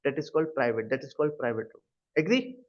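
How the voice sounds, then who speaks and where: Lively intonation and a quick pace mark this mid-range voice of an Indian-accented cloud computing instructor. Teaching live online, he keeps asking brief questions to make sure students understand, and the call audio sounds dull and lo-fi.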